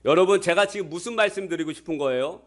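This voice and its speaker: High-voiced Korean pastor preaching. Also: male voice, fast talker. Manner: asks the congregation rhetorical questions; reads scripture aloud with the congregation. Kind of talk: sermon.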